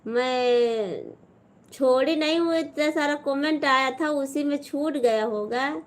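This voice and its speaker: A woman's voice: high voice, takes it slowly. A young Awadhi woman on a casual live stream, chatty and teasing as she reads viewer comments aloud and replies.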